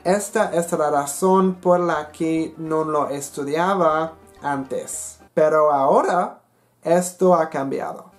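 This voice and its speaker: A woman vlogging as a language learner, with an Italian-influenced accent, speaking in a careful, deliberate way with pauses between phrases. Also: deep voice, darkish tone. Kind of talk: casual spoken vlog. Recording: faint guitar music behind.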